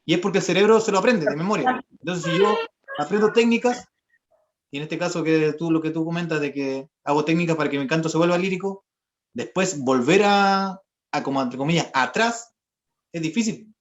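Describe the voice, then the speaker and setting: Over a video call, a young male voice therapist and singer leads a workshop, explaining vocal exercises patiently and one step at a time. His pitch is fairly high and his pace fairly quick. The call audio comes through dull and lo-fi.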